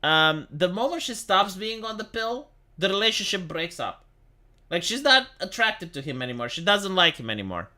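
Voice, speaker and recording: Speaking at a moderate pace in a high, sing-song, pushed, bright voice, a young livestream host from Romania chats with viewers and reads articles out loud. He restarts frequently and lets the occasional swear word slip.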